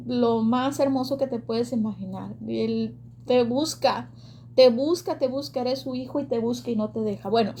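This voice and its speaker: Woman, fairly high mellow voice, earnest testimony with hesitations. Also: a little hiss or hum. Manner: earnest and emotional, with hesitant fillers. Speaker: ministry speaker giving testimony. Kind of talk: personal faith testimony.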